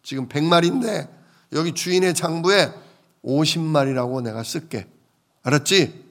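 A man's voice: fairly high pitch, moderate pace, a bit bright. Brief: man doing a fretful, sighing steward caught cheating, scheming in a slightly raised voice. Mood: conspiratorial. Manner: fretful, groaning sighs. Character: scheming male steward of a rich man, anxious.

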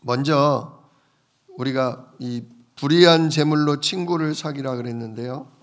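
A man preaching a sermon as a pastor, retelling a parable with lively storytelling and questions to the congregation. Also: medium pitch, measured pace.

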